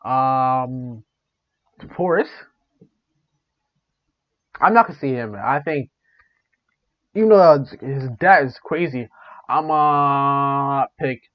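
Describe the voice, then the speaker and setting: A man hosting a reaction video, talking bluntly in slang and thinking out loud. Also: medium pitch, takes it slowly, pauses often, dull audio. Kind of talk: casual reaction commentary.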